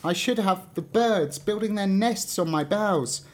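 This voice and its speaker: A man's voice: high-pitched, measured pace, voice pushed up. A man voicing a small, discontented young fir tree that longs to grow tall. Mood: longing. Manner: wistful, longing.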